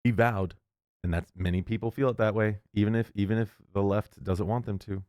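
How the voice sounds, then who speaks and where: A man's voice: lowish voice, steady tone, a little fast, darkish tone, dry recording, clean studio sound. A man reading an article aloud and breaking off into heated, indignant commentary, often stumbling and restarting. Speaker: political commentator.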